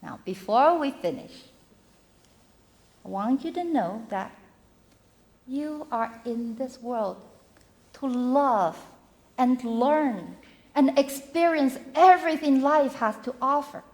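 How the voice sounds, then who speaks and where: Slow, high-voiced woman giving a keynote. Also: animated, a little mellow. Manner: slow, measured phrasing in short emphatic chunks. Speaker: mental health keynote speaker. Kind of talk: motivational keynote speech. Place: arts center venue before a live audience.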